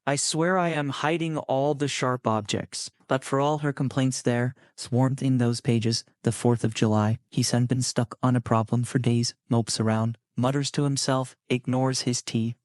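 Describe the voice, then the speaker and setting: A man narrating a bedtime history story in a calm, unhurried way, with occasional filler words. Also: medium pitch, no room sound.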